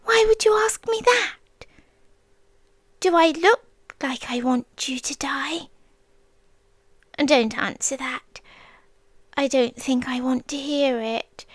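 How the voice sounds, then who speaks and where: In an ASMR roleplay, a British woman plays a possessive, childlike female sea demon, sounding tender yet eerie. Her high voice is soft and breathy, often sinking to a whisper, with slow, coaxing pauses on a dry recording. She comes across as hurt and coaxing.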